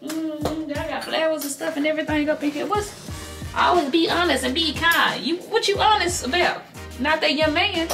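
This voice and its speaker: A nosy old granny. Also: female voice, normal speed, reverberant, over music. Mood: teasing. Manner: high, nosy, chatty questioning. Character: nosy old grandmother visiting, loud and gossipy. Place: indoors in a house.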